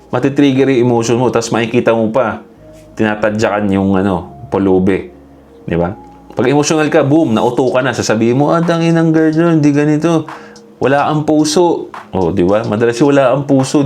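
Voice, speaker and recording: A man from the Philippines giving casual, animated commentary to his viewers, who he calls "pare" and "bro". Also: mid-range voice. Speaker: vlogger.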